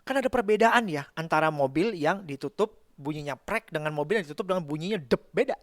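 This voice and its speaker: A man's voice: fairly high pitch, expressive, quick pace, fairly bright tone, no echo. A man playing a cocky teenage schoolboy. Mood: boastful. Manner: boastful, slangy street talk. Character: cocky teenage schoolboy bragging to his friends.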